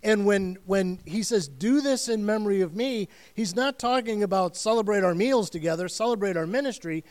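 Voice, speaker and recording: A man's voice: sits high, moderate pace, a little mellow. A man preaching a communion sermon as the church's student and family pastor, speaking earnestly and emphatically with frequent restarts.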